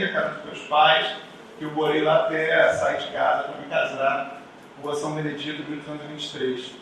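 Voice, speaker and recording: Telling his own story to a conference crowd, this Carioca designer from Rio de Janeiro keeps things informal and reflective, chatting with the audience in asides as he speaks Brazilian Portuguese. His pitch is fairly high and his tone fairly bright. He's recorded from a distance in a big, echoey hall, with faint background noise.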